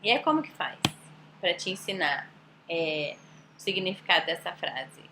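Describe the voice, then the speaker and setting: A woman's voice: fairly low pitch, expressive, noisy background. A woman with a Brazilian Portuguese accent teaching an online language lesson, explaining patiently and asking rhetorical questions. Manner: explanatory, with rhetorical questions and slow demonstrations of words. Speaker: Italian teacher.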